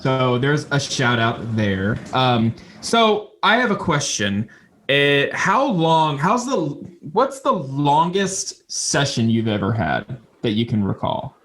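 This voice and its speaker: Lively excitable man in his thirties. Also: medium pitch. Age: 30s. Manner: excitable, laughing, quick asides. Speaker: podcast host. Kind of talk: casual podcast chat.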